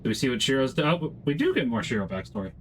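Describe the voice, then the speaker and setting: A man's voice: medium pitch, big pitch swings, very fast, slight background noise, low-quality recording. A man giving casual live commentary as he streams a video game.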